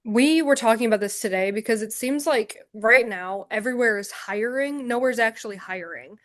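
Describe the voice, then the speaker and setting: A woman co-hosts a podcast in casual, critical chat, sounding exasperated. Her voice sits a little high, and she drops into quick mocking asides. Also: fairly bright tone. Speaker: podcast co-host.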